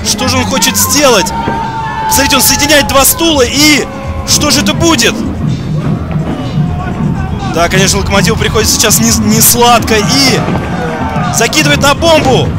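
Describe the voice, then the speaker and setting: A man working as a wrestling commentator, calling each move live in an excited, exclamatory way. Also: very high voice, moderate pace, long pauses, poor audio. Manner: exclamatory, narrates moves as they happen. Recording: loud crowd and music at outdoor event.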